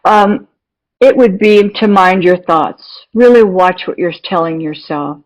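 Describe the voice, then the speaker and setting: A woman's voice: lowish voice, a little slow, low-quality recording. A middle-aged woman speaking as an interview guest, earnest and encouraging, often restarting her sentences. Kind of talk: casual interview talk.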